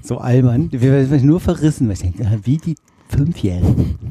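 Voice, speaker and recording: A man chatting casually on a podcast, playful and teasing. His voice is very dark and a little husky, with a lively, swinging pitch. It sounds dry and close, with no room around it. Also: a little fast, no echo. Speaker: podcast co-host. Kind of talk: casual chat.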